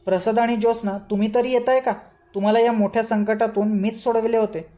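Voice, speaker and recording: A woman's voice: fairly high pitch, fairly even intonation, fast, warm tone, natural voice. A woman voicing an arrogant impostor holy man who is really a demon, boastful and commanding. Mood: angry.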